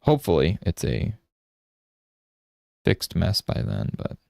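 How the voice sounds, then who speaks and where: Low-voiced man teaching art, dry sound. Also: huge pitch swings, slow, gravelly, darkish tone, no echo. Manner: rambling storyteller, checks in with "right?". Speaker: art streamer and instructor. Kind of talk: casual teaching while drawing live.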